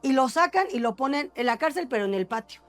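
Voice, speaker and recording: Woman preacher with a high voice, storytelling sermon that quizzes the room, distant mic with music under it. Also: expressive, fast. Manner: quizzes the congregation with questions. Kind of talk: sermon retelling a Bible story. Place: church meeting hall. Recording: echoey hall, distant mic, music behind.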